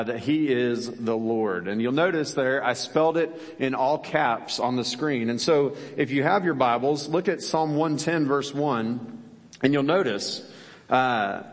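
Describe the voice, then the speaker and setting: A pastor giving a conversational sermon in a church, full of rhetorical questions. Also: male voice, medium pitch. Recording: long hall reverb.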